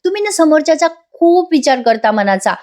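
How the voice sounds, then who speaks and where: A woman voicing a lively, outspoken young wife. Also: high-pitched, a little fast, voice pushed up. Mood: bubbly. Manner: bubbly, outspoken.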